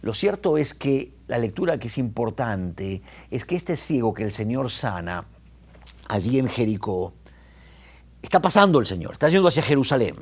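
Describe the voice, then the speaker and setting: Brief: male pastor, lively sermon delivery, swings in pitch and pace. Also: moderate pace. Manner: animated, retells scenes with quoted voices, restarts.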